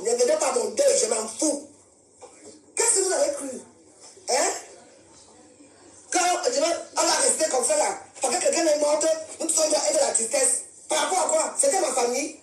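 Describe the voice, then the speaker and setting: Woman, high voice, confrontational live-stream rant, echoey room away from the mic. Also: moderate pace, a little mellow, distant mic, soft background music. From Cameroon. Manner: defiant, confrontational, repeats herself. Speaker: social media live streamer.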